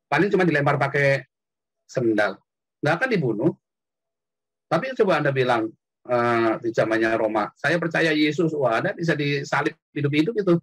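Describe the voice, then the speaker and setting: A man preaches casually to callers on an online session. His voice is husky and sits fairly high, and it leaps up whenever he acts out a quote or a shout. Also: normal speed. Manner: animated, jumps high when quoting or shouting. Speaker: preacher hosting an online call-in. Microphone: computer mic on an online call.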